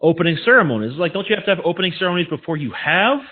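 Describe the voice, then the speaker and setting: A man's voice: fairly high pitch, sing-song, very fast. A man from the United States co-hosting a casual podcast chat, joking bluntly and swearing casually. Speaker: podcast co-host. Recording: tinny phone-like sound.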